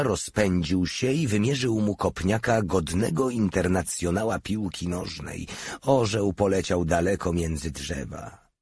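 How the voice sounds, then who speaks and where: Low, husky, slow male narrator. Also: a little mellow, no room sound. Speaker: audiobook narrator. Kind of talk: scripted narration.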